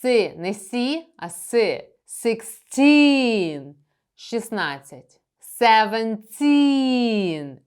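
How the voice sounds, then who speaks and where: A young adult woman gives a pronunciation lesson, repeating sounds and numbers one by one while explaining tongue placement. Her voice sits a little high and comes out smooth and clear. She takes her time, with unhurried pauses between drills. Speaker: English teacher.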